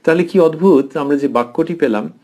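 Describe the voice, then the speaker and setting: Guy teaching a devotional text, kinda high-ish voice, soft and thoughtful, lingers on words. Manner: reflective and tender, slows to dwell on phrases; thoughtful pauses with soft fillers. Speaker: professor giving a scripture commentary. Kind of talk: devotional lecture commentary.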